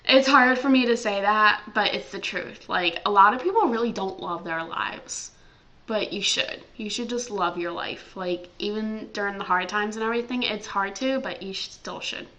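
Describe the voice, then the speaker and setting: A woman's voice: mid-range voice, moderate pace, pushed and bright, rough recording. A young American woman vlogging casually at home, chatty and full of ums and likes. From United States. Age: young adult. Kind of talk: casual chat.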